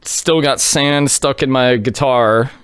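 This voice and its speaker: A man telling a story in a laid-back, casual way, full of likes and you-knows, on a close mic in a small quiet room. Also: mid-range voice, slow pace, clear, resonant tone, no room sound.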